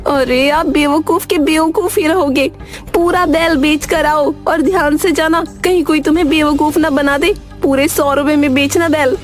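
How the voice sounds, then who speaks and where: A sharp-tongued cartoon wife, scolding endlessly as a woman voices her. She speaks high and exasperated over background music. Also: steady tone, normal speed, lightly acted. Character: scolding, fed-up village wife. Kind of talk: cartoon voice acting.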